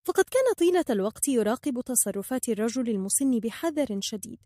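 A woman narrating a novel aloud, telling it in a lively way with acted dialogue. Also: fairly high pitch, dry recording, clean studio sound. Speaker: audiobook narrator. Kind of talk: scripted narration.

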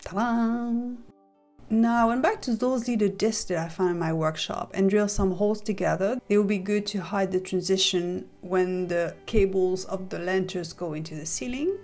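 A woman narrating a step-by-step model-making tutorial as a voice-over, calm and methodical as she explains each stage. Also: medium pitch, moderate pace, soft background music. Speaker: model maker explaining her build.

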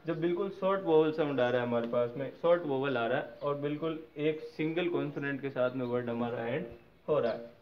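A man teaches English grammar, spelling out word endings and often checking that his viewers are following. His medium-pitched voice is brisk, and the recording sounds slightly dull with faint noise.

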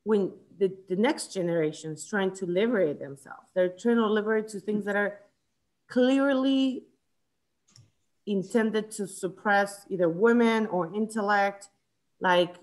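A woman's voice: mid-range voice, measured pace, poor audio. A woman in her thirties from Chile, leading a book club discussion over a video call from home, thinking aloud with frequent restarts. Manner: thoughtful, restarts often, gestures while talking. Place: home room, indoors. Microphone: video call webcam.

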